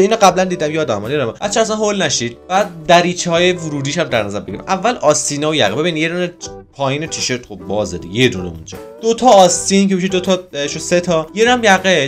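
A man narrates his reactions to a puzzle video in a fairly high, very animated voice. He brags in fun and mocks himself, breaking into excited shouts. Soft music plays underneath. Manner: mock-boastful, joking and self-teasing; excitable outbursts. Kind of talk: casual reaction commentary.

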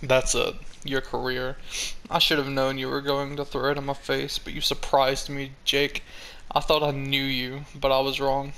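A man's voice: medium pitch, monotone, moderate pace, a bit bright, smooth, close to an everyday voice. A man voicing a wounded, earnest and embittered male fox in a dramatic comic reading, with solemn, hammy theatrical delivery. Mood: bitter.

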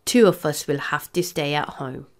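A woman's voice: sits low, normal speed, natural voice. A woman voicing a cocky schoolboy who teases his friends, in a playful manner. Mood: glum. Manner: playful and teasing.

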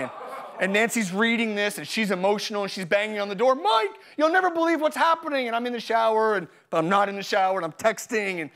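A male pastor preaching a live church sermon, energetic and joking, repeating his key phrases for emphasis. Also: fairly high pitch. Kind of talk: live sermon with personal stories. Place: church service.

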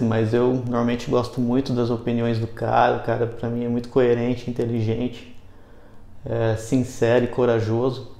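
A man's voice: medium pitch, dark tone. A man with a Brazilian Portuguese accent giving his opinions in a casual, conversational vlog, often hesitating mid-phrase. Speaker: vlogger. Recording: roomy echo.

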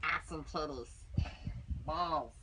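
A man's voice: fairly high pitch, takes it slowly. A young man in casual, joking chat, recorded on a camera a few feet away on an outdoor porch. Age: young adult. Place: outdoor house porch at night. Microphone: handheld camera a few feet away. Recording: noisy handheld camera audio.

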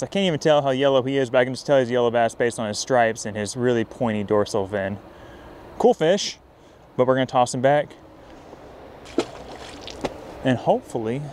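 A young man narrating his night fishing trip by a riverbank in a casual vlog style. He gets excitable, whooping and hollering whenever a fish bites. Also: mid-range voice, a little fast, a little hiss or hum. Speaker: fishing vlogger. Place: riverbank near a dam at night, outdoors.

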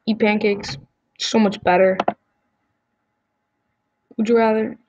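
A woman's voice: medium pitch, flat delivery, slow, lo-fi sound, noisy background. A woman YouTuber chatting casually as she answers quiz questions, giving blunt opinions with frequent ums and restarts.

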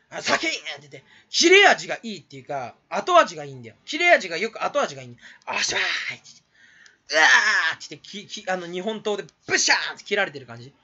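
A man's voice: pushed and bright, highs cut off. A man YouTuber rambling in a casual solo rant to camera, self-mocking and jumping between topics. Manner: rambling, self-mocking, bursts into shrill imitated laughs.

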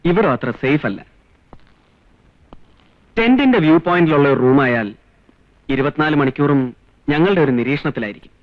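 An actor playing a firm, commanding security squad officer in a film scene. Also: male voice, fairly high pitch, lively intonation, moderate pace, pauses often, dry recording, close to an everyday voice. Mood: stern. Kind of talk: 1990s film dialogue. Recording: dull lo-fi film soundtrack with faint score.

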